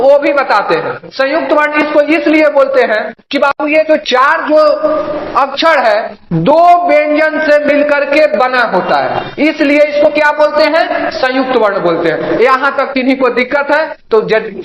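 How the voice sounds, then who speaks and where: A man's voice: very high-pitched, fairly bright tone, echoey room, lo-fi sound, a little hiss or hum. A young male teacher, giving an online grammar lesson and repeatedly asking and answering his own questions. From Bihar, India. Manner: repetitive call-and-response questioning, addresses students as "babu".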